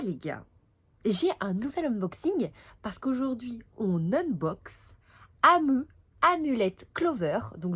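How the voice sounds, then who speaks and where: A young woman cosplayer chatting casually through an unboxing vlog at home, recorded on a built-in camera mic and now and then dropping to a hushed voice. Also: mid-range voice, slightly rough. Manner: chatty, playful, drops to hushed tones. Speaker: cosplayer vlogger. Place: home room with open window. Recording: faint outdoor noise through window. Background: faint street noise and crinkling packaging.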